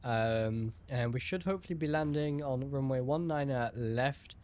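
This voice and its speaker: A man's voice: mid-range voice, moderate pace, a little mellow. A man giving casual live-stream commentary on a flight simulator session, chatty, with many ums, thanking viewers by name.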